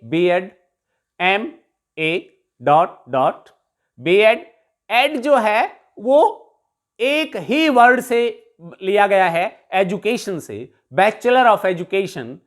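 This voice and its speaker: Indian lady teacher, really slow, explains every example patiently, hindi english mix. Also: medium pitch. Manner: patient, explains each example step by step and restates terms. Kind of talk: classroom lesson mixing Hindi and English.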